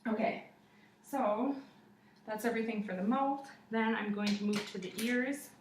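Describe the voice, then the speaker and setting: A woman's voice: fairly high pitch, normal speed. Distant young woman narrating a clinical exam. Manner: procedural, step-by-step narration to a patient and observer. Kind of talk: spoken clinical exam demonstration, narrating findings. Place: living room, indoors. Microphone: camera across the room. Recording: roomy, distant camera mic, faint noise.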